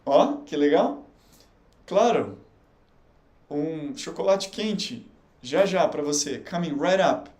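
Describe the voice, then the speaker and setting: A middle-aged Brazilian man teaching English on an unedited live stream, chatty and explaining slowly with many fillers. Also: on the high side, lively intonation, a little mellow. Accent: Brazilian Portuguese. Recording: echoey room with faint background hum.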